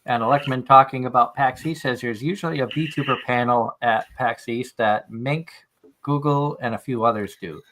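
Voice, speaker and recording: A man's voice: medium pitch, steady tone, moderate pace, few pauses, a bit bright, poor audio. A man hosting a live stream in casual chat, reading out comments from viewers. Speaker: stream show host.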